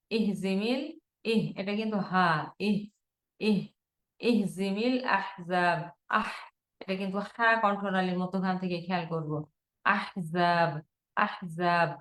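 A woman with a Bangladeshi accent teaching Quran pronunciation online, repeating each phrase slowly and then explaining it quickly. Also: medium pitch. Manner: slow repeated recitation mixed with quick explanations.

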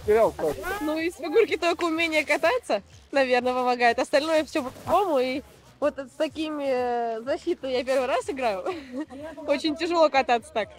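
A woman's voice: sits high, normal speed. A young woman chatting casually in an interview into a handheld microphone at an outdoor rink. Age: young adult. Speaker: player being interviewed. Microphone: handheld reporter microphone.

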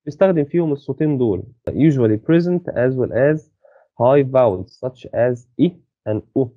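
A man with an Egyptian Arabic accent explains course material to a single student. He reads slowly, then speeds up to explain, often stalling on a word before going on. The sound is thin and phone-like, with no room echo at all. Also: medium pitch, expressive. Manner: many hesitant restarts, checks understanding. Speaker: university lecturer. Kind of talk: lecture explaining a textbook, mixing Arabic and English. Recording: dry, phone-like audio.

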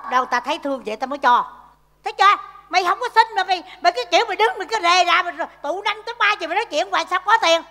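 A shrill scolding mother. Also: animated, racing, pushed and bright, in a large hall, heavily acted. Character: bossy scolding mother of beggar kids. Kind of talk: stage comedy sketch.

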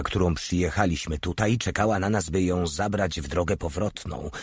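A man reading a war novel aloud as an audiobook narrator, steady and dramatic, lifting his voice for the characters' lines. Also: fairly low pitch, slightly rough, no echo.

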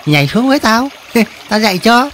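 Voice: medium pitch, big pitch swings, moderate pace, a bit bright, slight background noise. A performer voicing a rude, boastful crab that mocks and teases in a comic animal video. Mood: mocking. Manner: brash, mocking, laughs a lot.

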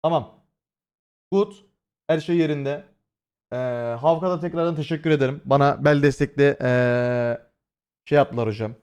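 A man's voice: a little high, fairly even intonation, moderate pace, pauses often, darkish tone, clear, resonant tone. A young man streaming live, talking casually to his viewers, swearing freely and rambling with many fillers. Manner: swears freely and addresses chat directly. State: voice has been hoarse lately. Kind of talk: casual livestream chat.

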